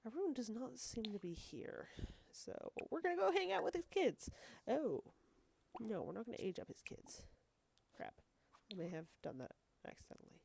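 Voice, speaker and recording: A woman hosting a gaming video chats casually through her play, her voice a little high with big pitch swings, gravelly, a little mellow, and breathy at the edges, at a moderate pace. A cold has her stuffed up and wheezy, and she rambles with self-deprecating, apologetic asides.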